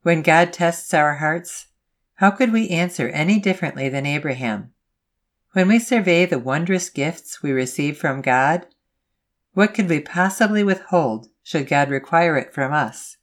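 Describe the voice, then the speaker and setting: A woman reading a scripted Bible devotional in a measured, solemn way, citing scripture references aloud. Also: low voice. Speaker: devotional reader.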